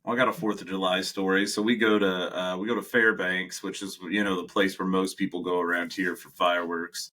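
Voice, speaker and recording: Bright-voiced man telling a lively story. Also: low voice, a little fast, few pauses. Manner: animated storyteller, laughs often, acts out quotes. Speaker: podcast co-host. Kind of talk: casual chat.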